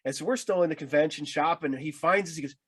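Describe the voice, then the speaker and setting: A man's voice: on the high side, fast, a bit bright, husky. An American man chatting casually as an interviewer, telling anecdotes in a loose, rambling way. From Ohio, United States.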